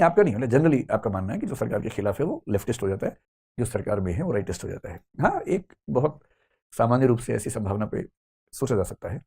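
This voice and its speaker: Fast-talking male lecturer, mellow low voice. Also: breathy edge. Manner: conversational, asks the class questions. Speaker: teacher. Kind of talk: classroom lecture. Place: classroom.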